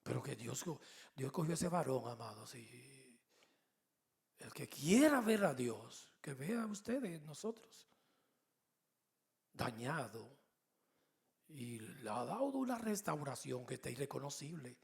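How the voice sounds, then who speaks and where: Pastor with a gravelly voice preaching. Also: male voice, mid-range voice, a little slow, long pauses. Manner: animated storytelling with humor. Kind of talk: sermon.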